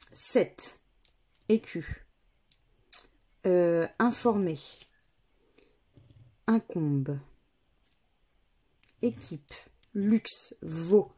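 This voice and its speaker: This woman's voice is lowish and gravelly yet mellow, with a breathy edge. A vlogger, she chats casually while playing scratch games, spelling out letters and numbers methodically, one at a time.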